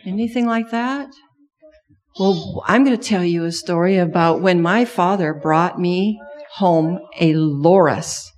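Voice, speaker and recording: A middle-aged Thai woman, speaking English as a second language, tells a children's sermon story slowly and unhurriedly. Her voice is lowish and a little mellow, and she keeps pausing to ask the children many questions along the way.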